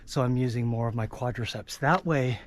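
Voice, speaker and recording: An out-of-breath man talks casually outdoors on a lake, pausing as he explains a technique he is practicing. His voice sits at an ordinary middle pitch, and his delivery is loose and conversational. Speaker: foiling vlogger.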